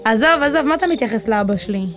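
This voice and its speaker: A woman's voice: on the high side, animated, faint music behind, natural voice. An actress playing an emotional young woman, a worried daughter, in a radio drama. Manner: pleading, emotional.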